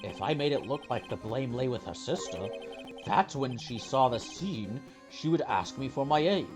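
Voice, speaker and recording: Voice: medium pitch, lively intonation, normal speed, over music, lightly acted. Someone doing a smug old man police chief. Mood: coolly confessing. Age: older.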